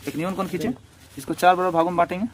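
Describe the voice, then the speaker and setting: A man's voice: high-pitched, level tone, very fast, slight background noise. Man teaching maths with rhetorical questions. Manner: repeats steps with rhetorical questions. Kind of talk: step-by-step classroom lesson.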